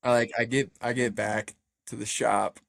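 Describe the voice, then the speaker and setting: Casual storytelling from a man of middling pitch who gets animated, laughs through his tale and acts out each quoted line. He swears freely as he talks. The sound is close and dry, with no room around his voice. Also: moderate pace, gravelly, no echo. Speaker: running team member telling a story.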